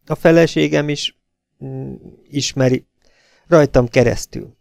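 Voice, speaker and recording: A man voicing a nervous, smooth-talking young husband who protests his innocence. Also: medium pitch, a little mellow, dry recording, studio quality, pitched above the performer's own voice, natural voice. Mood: guarded. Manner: flustered, protesting.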